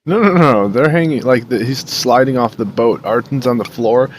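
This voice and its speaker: A man's voice: medium pitch, normal speed, slight background noise. A man narrating a tabletop game as dungeon master in a casual, laughing way.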